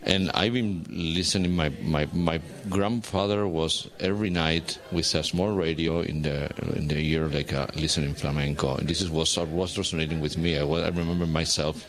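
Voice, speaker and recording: A man from Spain with a Spanish accent, speaking as a guest artist in an interview, halting and searching for words in English. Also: extremely low pitch, fairly even intonation. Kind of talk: casual interview talk.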